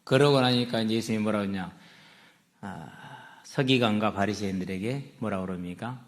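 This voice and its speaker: A man's voice: lowish voice, brisk. A middle-aged male pastor, preaching a story-driven sermon and asking his congregation questions. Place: church sanctuary. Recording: echoey church hall.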